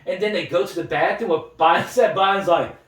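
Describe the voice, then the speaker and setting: Male co-host, giggly crude storyteller, higher pitch, mic set back in an echoey room. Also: fairly quick, a bit bright. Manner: loose storytelling, swears, laughing through lines. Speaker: podcast co-host. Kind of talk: crude comedic banter. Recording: roomy echo, mic at a distance.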